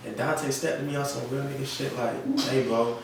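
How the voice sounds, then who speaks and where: A young adult man from North Carolina, interviewed as a rapper on a podcast, speaks with a medium pitch, fairly even intonation, moderate pace and vocal fry. His talk is laid-back and full of slang, with frequent "you feel me" check-ins. Noise and echo fill the recording, made with a distant mic.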